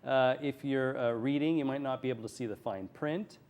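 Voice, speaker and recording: Mid-pitched man explaining in an interview. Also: a little fast, darkish tone. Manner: plain-spoken, explaining step by step. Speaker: eye surgeon, interview guest. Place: TV studio.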